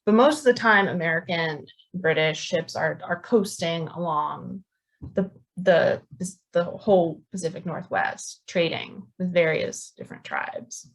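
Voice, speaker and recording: Woman, history lecturer, lower voice, halting and filler-heavy delivery. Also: low-quality recording. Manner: hesitant, many ums and restarts. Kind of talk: academic talk.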